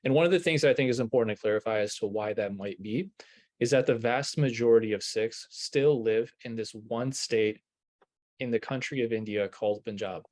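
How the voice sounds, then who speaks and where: Man, low voice, relaxed workshop presenter on a video call, lots of "um"s and "you know"s. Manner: relaxed, filler-heavy, conversational.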